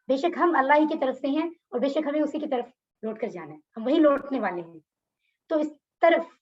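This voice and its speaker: In a high voice, a woman teaches Quran over a video call as an online class lecture, patiently going through words and questioning her students. The audio is dull.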